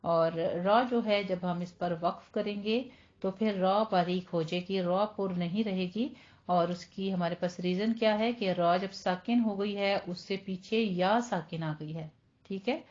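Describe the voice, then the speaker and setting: A woman teaching Quran recitation. She explains each pronunciation rule with patience, then draws the Arabic words out slowly and carefully. Her voice sits at an ordinary middle pitch, and the lo-fi recording sounds a little muffled. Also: darkish tone. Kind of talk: online tajweed lesson.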